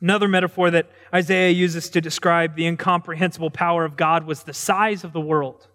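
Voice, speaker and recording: A man's voice: a little high, level tone, fairly quick, fairly bright tone. A male preacher giving a sermon in a casual, storytelling way, asking his listeners questions as he goes. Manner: conversational, storytelling, asks questions. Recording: long reverb of a large hall.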